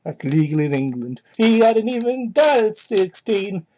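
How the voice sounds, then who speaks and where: In a warm, sing-song voice at a moderate pace, a young adult reads fan fiction with exaggerated drama while tossing in sardonic, cursing asides. A cheap microphone leaves the recording muffled and low-fidelity, with a little hiss or hum.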